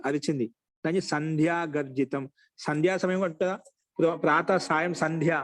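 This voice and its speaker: A man teaching a grammar lesson in an online class. His voice sits a little high. He says the example phrases slowly and repeats them, and the recording is close and dry with no room sound. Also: no echo, low-quality recording.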